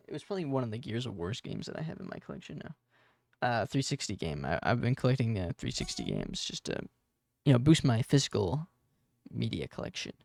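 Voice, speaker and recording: A man's voice: medium pitch, vocal fry, a little mellow, dry recording, clean studio sound. A man of twenty talking through his game code in a casual, rambling way, full of fillers and self-corrections. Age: 20s. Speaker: game dev tutorial host. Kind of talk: casual coding tutorial with storytelling.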